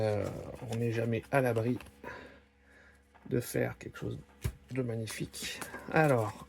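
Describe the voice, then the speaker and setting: Guy with a gravelly voice slowly opening card packs, faint hiss, wrappers crinkling in the background. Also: mid-range voice. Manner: slow, musing, lists card names one by one. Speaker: card-opening video host. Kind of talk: casual unboxing commentary.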